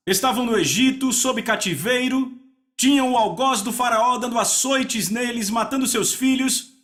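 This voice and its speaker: A man preaching a sermon, asking the congregation to answer and repeat key words, slowing down on weighty phrases. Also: extremely high pitch, fairly bright tone. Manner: asks the audience to repeat words and answer back. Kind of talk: dubbed sermon.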